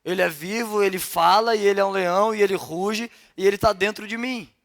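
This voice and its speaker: High-voiced young Brazilian preacher. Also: male voice, a little fast. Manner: animated and conversational, acting out dialogue. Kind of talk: sermon. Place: church service.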